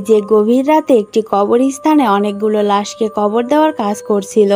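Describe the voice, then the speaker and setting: A woman narrating a horror movie plot recap in a steady, scripted storytelling read. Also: on the high side. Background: faint background music.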